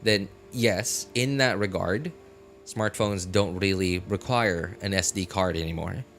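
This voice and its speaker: A man with a low, slightly bright voice speaks at a measured pace, chatting casually on a livestream. He rambles through his reasoning conversationally, arguing his points and often checking in with short questions, while music plays behind him.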